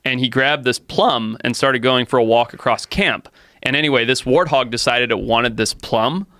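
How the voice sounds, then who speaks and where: A man from Zimbabwe, an enthusiastic storyteller, speaking in a bright, clear voice. He chats as a podcast guest and laughs often. The recording is dry and close-miked. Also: medium pitch, normal speed, dry recording. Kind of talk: casual chat.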